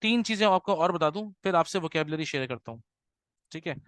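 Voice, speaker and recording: Man, patient classroom teacher, checks in with students, slows to sound out words, fairly high voice, crisp and clear, dry close sound. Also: animated, a bit bright, no echo. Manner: patient, repeats words slowly and checks in often. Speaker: Arabic teacher. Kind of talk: classroom grammar lesson.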